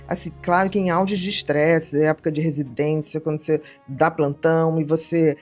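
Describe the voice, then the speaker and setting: A middle-aged woman, a psychiatrist telling stories in a casual podcast conversation, lively and acting out the people she quotes. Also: low voice, moderate pace, faint music behind. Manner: animated storyteller, acts out quoted voices. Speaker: psychiatrist guest.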